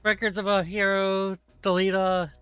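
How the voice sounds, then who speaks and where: A man's voice: high voice, flat delivery, moderate pace, a bit bright, clean tone, no echo, soft background music. A man streaming a game, reading its dialogue aloud and stumbling, swearing and laughing as he goes. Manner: reads text with stumbles and swearing, laughs often.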